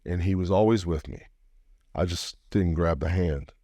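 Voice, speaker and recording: Low-voiced Louisiana man, podcast guest, earnest heartfelt storytelling, dead-dry close recording. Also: normal speed, dark tone, no echo. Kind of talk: personal storytelling interview.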